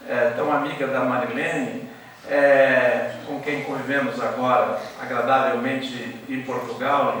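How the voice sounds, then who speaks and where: A man's voice: medium pitch, fairly bright tone, slight background noise. A man from Santa Catarina, Brazil, giving a formal tribute speech at an academy ceremony, erudite and digressive, dropping in Latin phrases and jokes. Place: embassy reception hall. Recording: echoey hall, mic far off.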